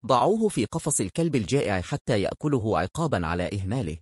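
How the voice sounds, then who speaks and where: A man voicing a stern, quick-tempered king. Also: on the low side, big pitch swings, breathy edge, dry recording, clean studio sound. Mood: angry. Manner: stern, commanding.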